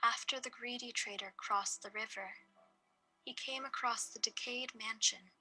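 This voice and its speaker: Storyteller: woman with a very bright, fairly high voice, reading a fable. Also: slightly rough, soft background music, low-quality recording. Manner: steady, measured storytelling. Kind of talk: reading a folk tale aloud.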